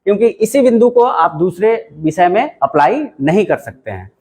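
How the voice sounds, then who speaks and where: High-voiced man teaching a Hindi lesson. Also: very animated, normal speed, darkish tone. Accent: Bihari Hindi. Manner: explanatory, repeats points for emphasis. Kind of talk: classroom lecture. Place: classroom with a writing board.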